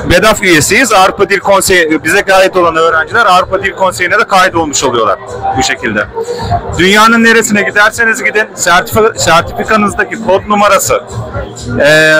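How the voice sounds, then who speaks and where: A man with a high-pitched voice gives a fluent sales pitch for a school. He is outdoors, with a crowd clearly heard behind him. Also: fairly quick, poor audio. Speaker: language school promoter. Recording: outdoor crowd and street sounds.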